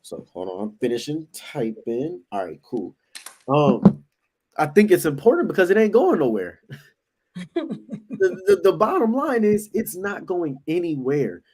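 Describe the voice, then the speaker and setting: Male co-host, slightly higher voice, relaxed and encouraging. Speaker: podcast co-host. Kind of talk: casual faith talk.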